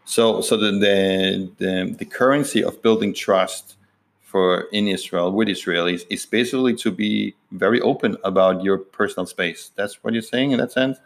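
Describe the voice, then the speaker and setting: A man's voice: on the low side, moderate pace. A man from Denmark, hosting an interview and often searching for words and rephrasing mid-sentence. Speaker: interviewer, host. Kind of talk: conversational interview.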